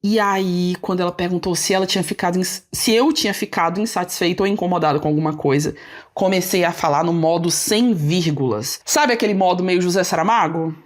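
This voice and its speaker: A woman recounts an embarrassing episode straight to her viewers. She tells it in an animated, self-mocking way. She stops often to talk to the audience directly. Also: on the low side, brisk. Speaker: vlogger telling a personal story. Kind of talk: casual storytelling to viewers.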